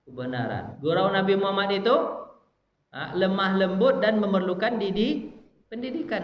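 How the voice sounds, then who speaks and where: A man preaching at a mosque study session, lively and keeps addressing his listeners directly. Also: on the high side, a little hiss or hum. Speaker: Islamic preacher. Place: mosque hall. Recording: echoey hall, faint ambience.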